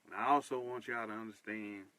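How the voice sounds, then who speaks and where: A man's voice: fairly low pitch, fairly even intonation, brisk, bright, forceful tone, dry recording, rough recording. A man in his thirties hosting a show, talking earnestly about his life in a personal monologue, repeating points for emphasis. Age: 30s. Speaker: host.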